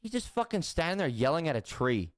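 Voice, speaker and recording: A man's voice: fairly high pitch, big pitch swings, brisk, no room sound, studio quality. A young man casually telling stories, swearing often, repeating his phrases and laughing as he talks. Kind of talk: casual storytelling chat.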